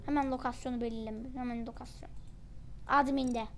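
Over music, a fairly high, fairly evenly intoned female voice delivers live gameplay commentary. She's the channel host, short-tempered and fed up, talking in slang directly to the people watching and to her teammates.

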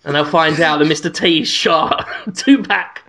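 A man's voice: on the high side, unhurried, a bit bright. A man hosting a podcast, sardonic and swearing casually in comedic chat. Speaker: podcast host.

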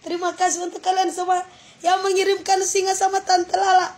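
A woman's voice: very high-pitched, little pitch movement, fairly quick. A woman with a Manado Indonesian accent hosting a livestream, thanking viewers for gifts in an effusive, exclaiming way, speaking into a phone. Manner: effusive, exclaiming, breaks into laughter. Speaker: livestream host.

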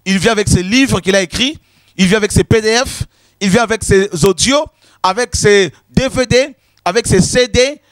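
A man's voice: high-pitched, normal speed, dry recording, studio quality. A man preaching a sermon, emphatic and repetitive, often calling his listeners "my friends". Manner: emphatic, repetitive, addresses listeners as "mes amis".

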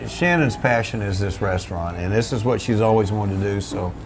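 With music in the background, an older man speaks in a lowish, brisk voice about his family's restaurant. Sitting at a table in a small back room facing a camera, he rambles folksily in this relaxed storytelling interview, frequently starting sentences over.

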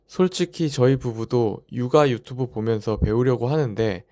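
A young man with a dark, mellow voice narrates a parenting vlog as a new father. He speaks in a reflective, personal storytelling style. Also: medium pitch, moderate pace.

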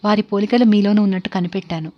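A woman's voice: mid-range voice, fairly even intonation, fast talker, natural voice. A woman voicing a travel-weary, uneasy man visiting a stranger's house, asking polite, cautious questions. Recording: dull lo-fi recording.

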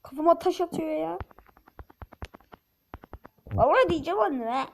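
Excitable high-voiced woman gaming. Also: normal speed, vocal fry, a little hiss or hum. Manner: excitable, playful, chatty with viewers. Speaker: gaming channel host. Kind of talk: casual gameplay commentary.

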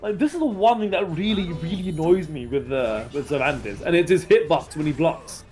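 A man doing live fighting-game commentary, excitable and joking, with rambling explanations. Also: a little high, fairly quick, faint music behind. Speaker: esports commentator.

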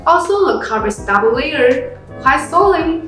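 A young woman presenting products, reading a review script in plain, steady phrasing. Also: high-pitched, a little slow. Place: small room indoors. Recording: very echoey room with background music.

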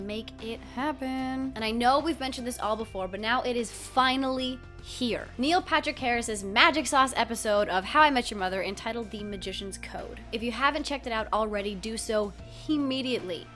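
A woman in her twenties presenting a scripted news update in a croaky, hoarse voice, like she has laryngitis. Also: on the high side, moderate pace, few pauses, pushed and bright, faint music behind. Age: 20s. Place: indoors, facing camera, music behind.

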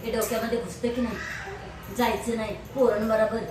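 A woman's voice: on the high side, flat delivery, fairly quick. A woman half-jokingly scolding a child at home, heard from across the room. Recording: echoey room, far from mic, noisy.

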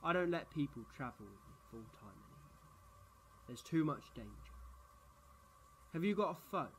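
An actor playing an eccentric, quick-witted time-travelling adventurer in a sci-fi audio drama, theatrical and whimsical. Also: male voice, on the high side, expressive, a bit bright, slight background noise. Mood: soft, friendly. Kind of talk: science fiction fan audio drama acting.

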